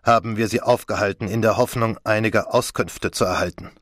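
A man voicing an excitable, effusive middle-aged French police commissioner in an audiobook. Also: on the low side, fairly quick, no echo, studio quality, natural voice. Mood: official. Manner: eager, effusive, fussy. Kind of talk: audiobook character voice.

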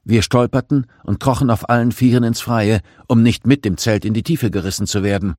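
A man's voice: a little fast, no echo. A man reading a first-person story aloud as an audiobook narrator, dramatic and gripping, on a close studio microphone. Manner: dramatic reading, raising pitch for shouted lines.

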